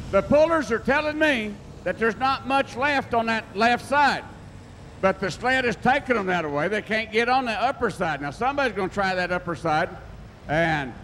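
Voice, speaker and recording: A man's voice: high-pitched, a bit bright. A man giving live tractor pull announcer commentary in a chatty, folksy, colloquial way. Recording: echoing PA with engine noise.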